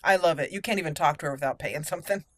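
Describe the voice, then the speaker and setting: Over game music, a woman with a low-pitched voice talks quickly as she hosts a gameplay video, voicing her character's lines and mixing in her own commentary. It's let's play commentary with in-character roleplay.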